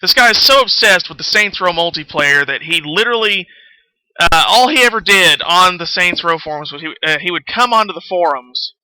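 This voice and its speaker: This game streamer hosts his livestream with casual, rambling, sweary chatter, often at his own expense. His high voice is animated, bright and forceful at a normal speed, with no room sound but low recording quality.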